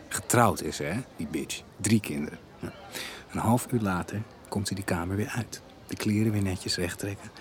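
A man in film dialogue, first hesitating through a voicemail full of fillers, then talking bluntly and forcefully. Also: sits low. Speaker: caller leaving a voicemail, then conversation partner.

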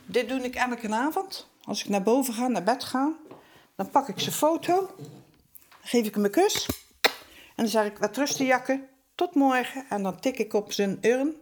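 A woman's voice: on the high side, animated, moderate pace, a little mellow. An older woman, a widow, talking plainly and wistfully in a candid documentary interview, sometimes dropping almost to a whisper. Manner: plain-spoken, wistful, drops to a near-whisper at times.

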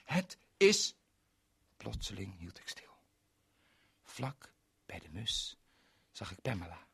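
A man reading a first-person children's story aloud, playful, dropping to whispers and rising to loud exclamations. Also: low-pitched, slow pace, creaky, a little hiss or hum.

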